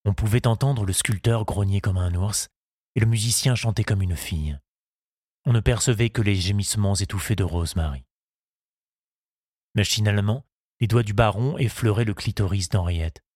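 Man, audiobook narrator, low voice, husky, dry close recording, measured. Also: darkish tone, dry recording.

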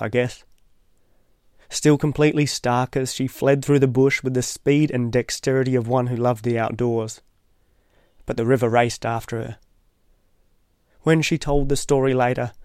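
A man narrating a reflective essay in a measured, thoughtful way, with dry, wry asides. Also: mid-range voice, darkish tone, smooth, no room sound.

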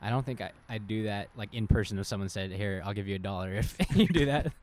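A man co-hosting a casual podcast, answering in a dry, deadpan, literal way into a desk microphone. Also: fairly low pitch, quick pace. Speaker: podcast co-host. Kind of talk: casual chat.

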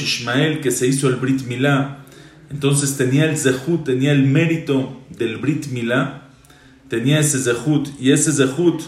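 A male rabbi gives a Torah class at a mid pitch. He quotes old texts, then translates and repeats key phrases as he explains. His voice rings with a roomy echo.

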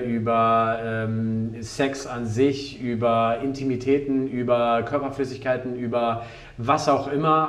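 A man's voice: mid-range voice, roomy sound, far from the mic. A man hosting a casual interview, asking long winding questions with many restarts. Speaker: podcast host.

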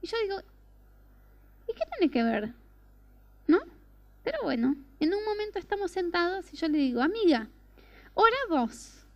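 A woman gives a personal testimony sermon. Her voice sits high, and she talks earnestly, often stopping to ask rhetorical questions. The sound is close and dry, with no room echo. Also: very animated, normal speed, pauses often, a little mellow. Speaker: preacher.

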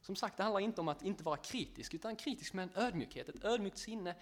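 A man's voice: high voice, lively intonation. A man preaching a casual sermon, chatting directly with listeners, often laughing and poking fun at himself.

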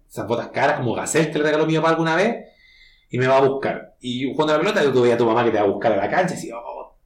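Chilean man, mid-pitch, casual slangy storyteller, echoey room. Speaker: guest, horror writer. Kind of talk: casual podcast conversation.

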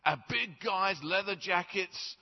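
A man's voice: high voice, unhurried, gravelly, voice pushed up, full character voice. A preacher voicing a nervous, babbling ordinary man pleading his case at heaven's gate, in a roomy church. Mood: excited, indignant. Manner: flustered, babbling, eager to please. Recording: roomy church reverb, slightly dull.

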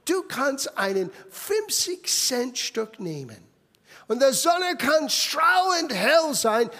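A man preaching a sermon as lively storytelling, dropping English phrases into his German and bursting into loud exclamations. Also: very high voice, vocal fry. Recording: long echoey hall reverb.

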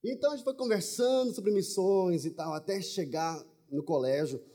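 A man stands before a congregation and tells his testimony as a lively story, often breaking off to speak to the crowd. His voice sits fairly high and has a husky edge. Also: normal speed. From Brazil. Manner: storytelling, humorous, with asides to the audience. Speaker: preacher.

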